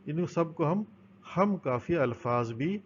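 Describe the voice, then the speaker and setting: A man's voice: fairly high pitch, expressive. A man teaching a recorded school lesson, explaining patiently and answering his own questions. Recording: dull, lo-fi with faint noise.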